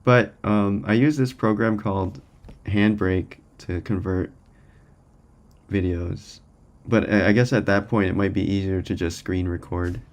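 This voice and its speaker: A man's voice: low voice, steady tone, a little slow. A man co-hosting a casual livestream, answering tentatively as he thinks aloud. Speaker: software developer co-hosting stream.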